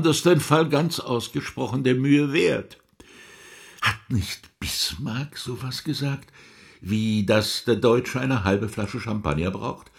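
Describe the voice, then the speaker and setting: An actor playing the Devil as a sly, mocking, smooth-talking tempter in a radio drama, theatrical and insinuating. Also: male voice, medium pitch. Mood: taunting. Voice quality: husky, breathy, creaky. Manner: theatrical, insinuating, wordy with mannered archaic phrases.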